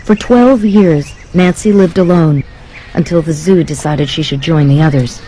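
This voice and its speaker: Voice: medium pitch, normal speed, warm tone, a little hiss or hum, rough recording. A narrator reading a scripted nature documentary voice-over. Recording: voice-over with prominent music. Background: music.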